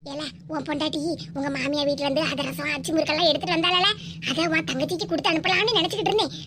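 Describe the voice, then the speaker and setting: A greedy old mother-in-law in a cartoon, voiced by a woman, always scolding and grumbling. Her voice sits very high and the words tumble out fast. She speaks with a lilt. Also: fairly even intonation, a crowd in the background, natural voice. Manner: scolding, nagging. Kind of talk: cartoon voice acting.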